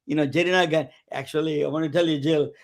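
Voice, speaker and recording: A man hosting a webcast, introducing guests in a halting way with many restarts and fillers. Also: a little high, fairly even intonation. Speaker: webcast host. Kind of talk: casual interview introduction.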